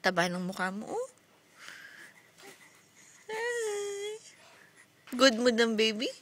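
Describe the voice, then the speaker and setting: A woman's voice: a little high, lively intonation, a little fast, background noise. A young woman, a mother, chatting and teasing her baby in playful sing-song baby talk at home.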